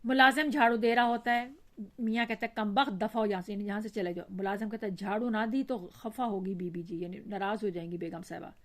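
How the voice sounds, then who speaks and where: A woman with a Pakistani Urdu accent teaches a school text. She reads its dialogue with lively, raised voices. In between she gives calm, step-by-step explanations. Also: mid-range voice, fairly quick. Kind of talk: reading aloud a Urdu lesson and explaining it line by line.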